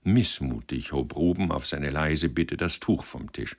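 A male audiobook narrator telling the story in a measured, storytelling manner. His voice is very low and deep, yet his intonation moves around expressively. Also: lively intonation, vocal fry.

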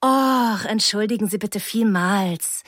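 A woman's voice: medium pitch, slow, a bit bright, dry recording, studio quality. A woman voicing a breezy, self-assured teenage schoolgirl who speaks in an airy and carefree way. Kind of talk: audiobook character voice.

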